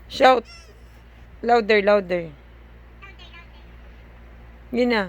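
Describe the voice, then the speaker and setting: Cebuano-accented mom vlogger, unhurried, gravelly edge, coaxing a little kid at home. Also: female voice, mid-range voice. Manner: coaxing, mixes English words in for a small child. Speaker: parent vlogger. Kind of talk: casual home vlog, talking to a toddler. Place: home room.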